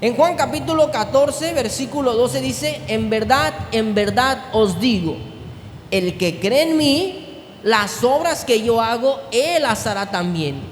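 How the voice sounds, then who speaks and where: A pastor preaching a sermon, moving from low, intimate tones up to shouted climaxes. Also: male voice, lively intonation, slow pace, slight background noise. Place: large church hall. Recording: echoey hall with music behind.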